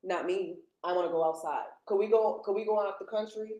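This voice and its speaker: A woman's voice: medium pitch, fairly quick, dark tone. A woman in her thirties speaks as a podcast guest, blunt and outspoken with loose, slangy phrasing. Her mid-range voice carries a roomy echo. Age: 30s. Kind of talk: casual podcast conversation.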